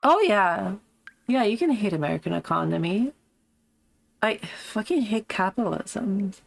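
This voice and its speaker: A woman streamer chatting casually with her viewers during a live game stream, swearing freely and thinking out loud. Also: mid-range voice, lively intonation, unhurried, vocal fry, rough recording.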